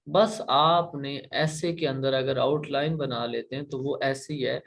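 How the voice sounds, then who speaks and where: A man's voice: mid-range voice, steady tone, gravelly, fairly bright tone. A man with a Pakistani accent teaching an online class, explaining patiently, repeating points and often checking that students follow. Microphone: laptop.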